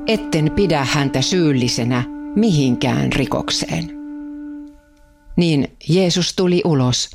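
A speaker giving a measured, steady Bible reading. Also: medium pitch. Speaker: scripture reader. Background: instrumental music.

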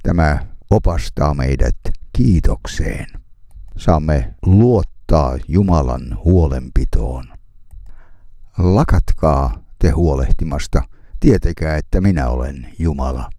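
A man giving a devotional sermon, reading hymn verses, psalms and scripture in a slow, measured way with solemn pauses. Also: very deep voice, lively intonation, gravelly, warm tone, no echo, clean studio sound. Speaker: preacher.

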